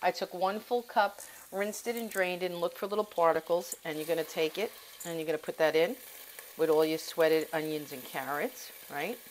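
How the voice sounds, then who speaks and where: A woman's voice: fairly low pitch, moderate pace, a little hiss or hum, poor audio. A woman chatting casually in her home kitchen as she shows how to cook. She rambles and confides in her viewers as she goes. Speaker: home cooking vlogger. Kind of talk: casual cooking demonstration.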